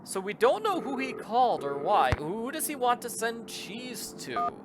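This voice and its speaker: A man's voice: very high-pitched, huge pitch swings, a little slow, very noisy. A man giving casual, joking commentary while playing a video game, reading out viewer chat. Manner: joking, rambling, reads chat aloud. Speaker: let's play host. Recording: game music playing underneath.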